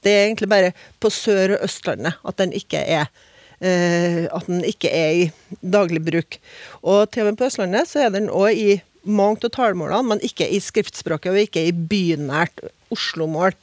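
A woman's voice: lowish voice, a little mellow, no echo. Woman explaining dialect grammar on the radio, patient, lots of examples, dry studio mic. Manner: patient, explaining with examples, frequent tag questions. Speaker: language expert on panel.

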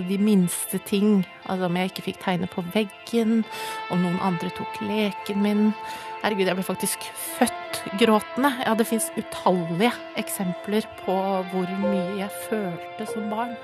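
A woman's voice: mid-range voice, fairly even intonation, close to an everyday voice. Woman doing a teary, gushing oversensitive lady, apologizing constantly, music under her. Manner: breathy, emotional, over-apologetic gushing. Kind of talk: comedy sketch, mock documentary interview. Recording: music playing behind.

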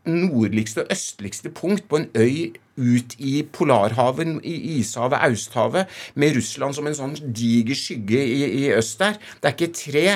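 A man from Oslo with the local accent speaks in a medium-pitched voice as a writer being interviewed. He is emphatic and effusive, often repeating words as he searches for the next phrase. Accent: Oslo Norwegian. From Oslo west, Norway. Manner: emphatic, effusive, with swearing and halting repetitions. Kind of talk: animated conversational interview.

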